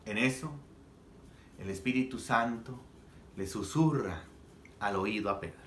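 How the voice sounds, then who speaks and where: A man's voice: on the low side, measured pace, roomy sound, slight background noise. A man preaching a sermon as a pastor, telling the story dramatically and acting out the quoted dialogue.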